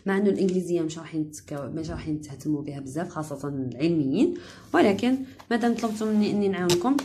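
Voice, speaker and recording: Algerian lady teacher going over an english unit, quick and a bit low, chatty, lots of uh pauses. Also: lively intonation, warm tone, slight background noise. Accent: Algerian Arabic. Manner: chatty, explains English terms in dialect, frequent hesitations. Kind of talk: recorded lesson explaining a textbook unit.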